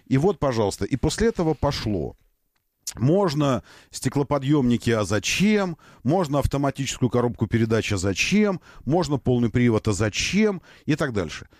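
A man's voice: mid-range voice, very animated, moderate pace, darkish tone, no echo, clean studio sound. A man hosting a casual radio talk show, joking and ironic as he chats with his co-host. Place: radio studio.

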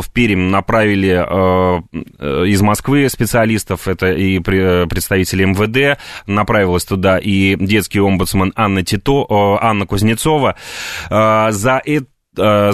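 A man giving a live news report as a radio correspondent, halting with frequent filled pauses. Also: low voice, dry recording, studio quality.

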